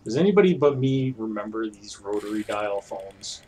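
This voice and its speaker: A man's voice: on the low side, lively intonation, moderate pace, dark tone, slightly rough. A man streaming a puzzle game, thinking aloud in a chatty, unsure way as he works things out. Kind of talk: casual let's-play commentary.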